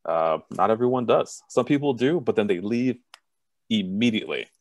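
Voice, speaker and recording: A man from Southern California runs an online admissions session over a video call. His voice sits low and close and dry, with no room around it. He talks in an even, self-described monotone and is blunt about what he thinks. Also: normal speed, dry recording. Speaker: college admissions representative. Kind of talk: online information session presentation.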